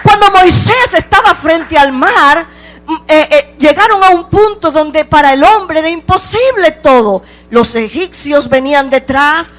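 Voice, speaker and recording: Male pastor, sermon delivery: emphatic, slow-stretched lines, rising to shouts, voice held way up high. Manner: impassioned, repetitive rhetorical questions, shouting at peaks; drawn-out emphatic phrases. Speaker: preacher. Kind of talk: Spanish-language sermon.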